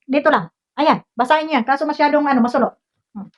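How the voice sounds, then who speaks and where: A woman's voice: high-pitched, fast talker. A woman ranting at a commenter, scolding and confrontational, firing off rhetorical questions. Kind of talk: heated commentary rant. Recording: dull lo-fi recording.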